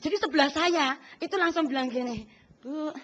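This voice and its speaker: A woman pastor preaching a lively sermon, often calling out to the congregation and acting out voices. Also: high-pitched, fairly quick. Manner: animated, addresses congregation often, acts out voices.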